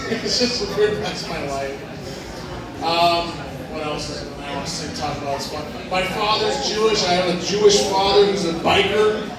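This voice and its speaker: Rambling male comic in an echoey club. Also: fairly high pitch. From Hawaii. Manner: crude, rambling, laughs at own jokes. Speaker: stand-up comedian. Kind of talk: stand-up comedy set. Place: comedy club stage. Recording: echoey club from a distance, crowd.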